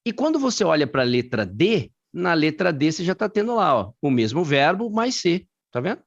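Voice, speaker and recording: A man with a Brazilian Portuguese accent teaching grammar in a live online class, slangy and lively, calling on students by name. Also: on the high side, normal speed, lo-fi sound.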